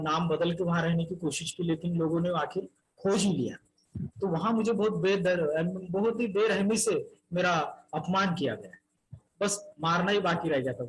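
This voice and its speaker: A man's voice: sits high, poor audio. A man giving a Dharma talk to a gathering as a Buddhist teacher. He earnestly retells a life story in the first person and calls his listeners brothers and sisters.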